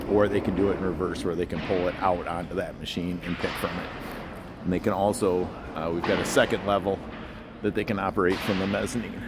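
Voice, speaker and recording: Man, lowish voice, casual tour guide, lots of uh fillers, phone mic, steady background hum. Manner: relaxed, explanatory, frequent fillers and restarts. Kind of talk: casual walking tour narration. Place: large indoor warehouse. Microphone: handheld phone camera while walking.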